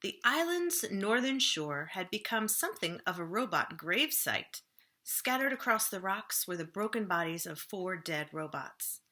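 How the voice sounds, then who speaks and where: With a medium-pitched voice at a moderate pace, a woman performs a storybook for kids. She reads dramatically and expressively, letting many phrases fall away gently at their close.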